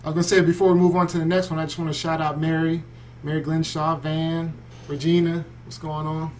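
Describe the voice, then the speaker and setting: A man's voice: on the high side, flat delivery, fairly quick, slight background noise. A man co-hosting a casual panel podcast, talking in a chatty, hesitant way full of "you know". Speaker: podcast co-host.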